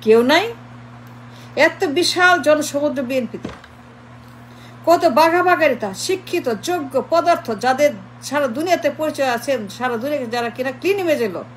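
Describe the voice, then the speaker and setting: A woman's voice: high voice, brisk, a little hiss or hum. A woman delivering a mocking political monologue, piling up repeated insults and dropping into English phrases. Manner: repetitive, mocking lists of insults, switches into English. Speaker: political commentator.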